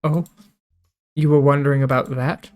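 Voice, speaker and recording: A man voicing a gentle, caring green-skinned mushroom man in a game, speaking softly and hospitably with quiet pride. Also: a little high, steady tone, moderate pace, soft background music, natural voice.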